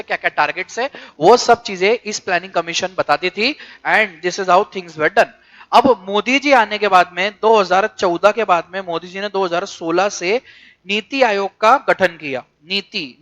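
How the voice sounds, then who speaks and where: A man's voice: high voice, bright, forceful tone. A middle-aged male commerce teacher with an Indian English accent, lecturing and often stopping to quiz his students. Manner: mixes English and Hindi, quizzes students with quick questions. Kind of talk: classroom lecture. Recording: dull lo-fi lecture recording.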